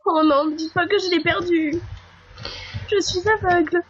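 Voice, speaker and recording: A woman reading a cheerful young princess's lines aloud in a bright, eager way, during a video game playthrough. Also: very high-pitched, fairly even intonation, normal speed, a little hiss or hum. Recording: dull lo-fi with faint game music.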